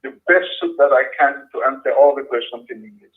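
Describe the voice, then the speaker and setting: A man's voice: medium pitch, fast talker. A man with a French accent, a French native speaker, talking carefully over a video call as a guest in a career coaching session. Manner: careful, hesitant speech with restarts. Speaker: job-seeking guest. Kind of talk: live-stream coaching conversation. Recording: muffled remote call audio.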